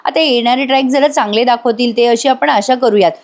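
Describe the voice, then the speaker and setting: A woman's voice: a little high, brisk. A woman giving a chatty voice-over recap of a TV serial, talking straight to her viewers. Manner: chatty, addresses viewers directly. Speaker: TV serial reviewer.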